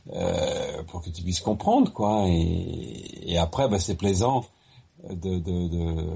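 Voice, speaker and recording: A man from France talking in a casual, conversational way, as in a relaxed chat with someone he knows. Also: deep voice, slightly rough.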